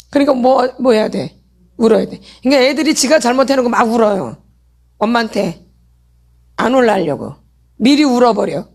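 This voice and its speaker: Korean woman preaching, slightly high voice. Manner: asks the audience questions and answers them herself. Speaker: pastor's wife leading a healing meeting. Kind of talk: sermon lecture with call-and-response questions. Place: church.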